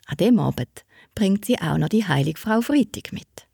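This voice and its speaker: Swiss woman storyteller, animated fairy-tale telling, breathy tone, dry close sound. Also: medium pitch, moderate pace, no echo. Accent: Swiss German. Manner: lively, animated, addresses listeners.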